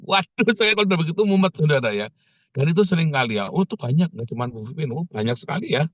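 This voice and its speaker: A pastor preaching a sermon, telling humorous stories and jumping high in pitch when he quotes others. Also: animated, fast, a bit bright, no echo, muffled recording.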